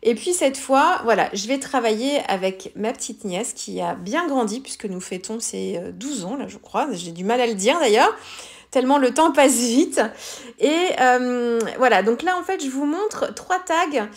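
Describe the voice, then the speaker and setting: Middle-aged woman talking thru a craft tutorial, chatty, lots of ums, voice a bit high. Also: lively intonation, normal speed. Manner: chatty, many hesitations and fillers. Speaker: scrapbooking tutorial maker.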